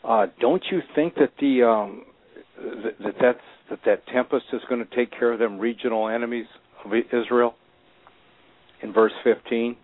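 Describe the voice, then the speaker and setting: A man, calling in to a radio show over the phone and speaking in a hesitant, halting way. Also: mid-range voice, fairly even intonation, no room sound. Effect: heard through a phone line. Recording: tinny phone line.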